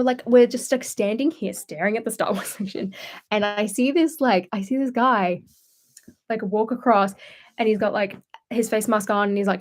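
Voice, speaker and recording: A woman's voice: medium pitch, a little mellow. Young woman, host, loose chatty live-stream storytelling, mid-range voice. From Australia. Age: young adult. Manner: chatty rambling storyteller, many fillers. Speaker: channel host. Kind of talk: casual live-stream chat. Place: at home indoors.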